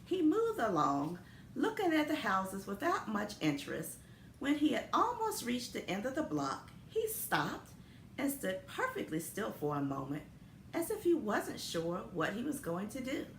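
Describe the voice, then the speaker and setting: A woman principal reading a picture book aloud to children, with expressive storytelling. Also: a little high, a little slow, slight background noise. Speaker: school principal. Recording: echoey room.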